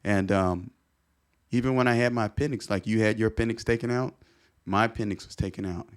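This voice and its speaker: A man's voice: fairly low pitch, brisk, clear, resonant tone. A middle-aged man telling a personal story as a podcast guest, earnest and repetitive, often restarting his sentences.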